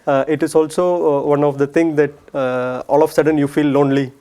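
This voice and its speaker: A man's voice: fairly high pitch, level tone, quick pace, dark tone, slight background noise. A young man from south India, a PhD student speaking hesitantly with many fillers in a casual roundtable discussion.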